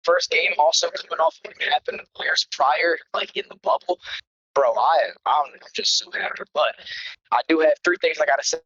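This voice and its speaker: Guy calling in on a choppy phone line that keeps cutting out, excited rambling, walking, kinda high voice, muffled and dry. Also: moderate pace. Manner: excited, rambling fan talk. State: walking while talking. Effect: phone call breaking up and cutting out. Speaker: caller. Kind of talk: casual sports call-in chat.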